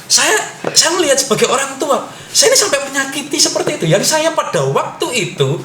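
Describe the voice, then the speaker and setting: A middle-aged man, a parent, explaining advice in a conversational way with frequent pauses and fillers. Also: very high-pitched, big pitch swings, pushed and bright, slight background noise. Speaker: parent guest sharing advice. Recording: echoey room.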